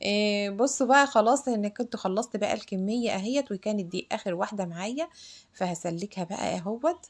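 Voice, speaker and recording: A woman's voice: mid-range voice, quick pace. A woman with an Egyptian accent hosting a home cooking tutorial in her kitchen, chatting directly to viewers as she works. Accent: Egyptian Arabic. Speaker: cooking show host.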